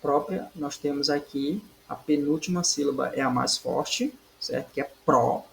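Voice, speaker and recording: A man's voice: a little high, unhurried, gravelly, a little hiss or hum, low-quality recording. A man teaching Portuguese, working through exam questions in a didactic way, checking in with "certo?" and punching out stressed syllables. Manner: stresses syllables by saying them louder.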